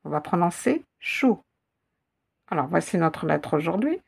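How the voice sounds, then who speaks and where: A woman teaching an Arabic reading lesson in French, patiently repeating each syllable and word slowly for learners. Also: lowish voice, sing-song, creaky, darkish tone, husky. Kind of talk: slow spelled-out reading lesson.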